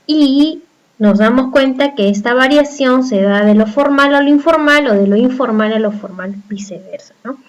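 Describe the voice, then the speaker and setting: A woman's voice: high-pitched, normal speed, rough recording. A woman from Peru with a Peruvian accent, teaching a video lesson and explaining step by step while asking her viewers rhetorical check questions. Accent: Peruvian Spanish.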